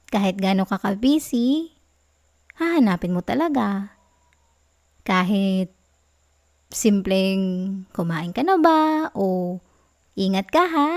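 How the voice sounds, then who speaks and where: In an intimate ASMR roleplay, a young woman with a Filipino accent plays a sweet, clingy girlfriend who gently sulks, pleading affectionately in a soft, whiny way. Her mid-range voice is captured in clean studio sound with no room sound.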